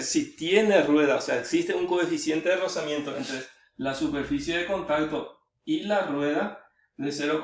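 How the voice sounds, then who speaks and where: A man's voice: fairly high pitch, far from the mic. Man teaching physics in an echoey room. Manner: step-by-step, repeats words while working out sums. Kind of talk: physics lecture.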